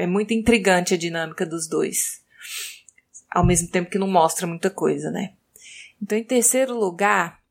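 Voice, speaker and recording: A woman with a Brazilian Portuguese accent co-hosting a podcast, chatting casually with many fillers and pauses. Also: medium pitch. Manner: chatty, filler-heavy, hesitant. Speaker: podcast co-host, designer.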